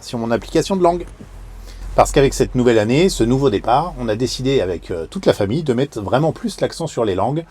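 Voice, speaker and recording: A man's voice: medium pitch, animated, fast talker, darkish tone, breathy edge. A man travel vlogger explaining things casually, hesitant with many fillers.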